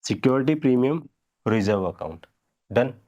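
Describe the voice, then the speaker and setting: A man's voice: medium pitch, animated, warm tone, muffled recording. Man teaching, answering his own questions. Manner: quizzes students with questions he answers himself; dictates journal entries slowly word by word. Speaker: commerce teacher. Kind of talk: revision lecture.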